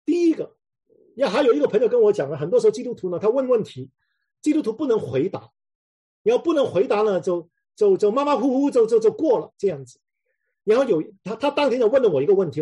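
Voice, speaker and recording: Very husky, lively-pitched male preacher. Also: fast talker. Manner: repeats words and restarts while telling stories. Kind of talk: conversational sermon with anecdotes.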